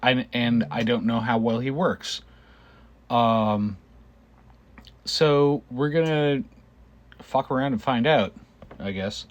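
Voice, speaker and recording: A man narrates his own gameplay at a slow, halting pace. He sounds casual and hesitant, working things out aloud, and he has a cough that keeps him clearing his throat. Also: mid-range voice, muffled recording.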